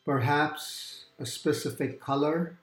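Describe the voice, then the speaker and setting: A man leads a calm grounding exercise as a meditation guide. He speaks slowly, in a medium-pitched voice, leaving long pauses between gentle instructions. The recording has a roomy echo, with music playing behind him. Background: quiet background music.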